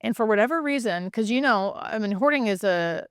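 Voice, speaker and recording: A woman with a mid-pitched voice speaks casually as a hospice nurse being interviewed. She explains and tells stories with emphatic repeats and little check-in questions. The sound is dry, with almost no room echo. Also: a little fast, clean tone. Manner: animated, emphatic repetition, frequent check-in questions like "right?". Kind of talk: casual conversational explaining and storytelling.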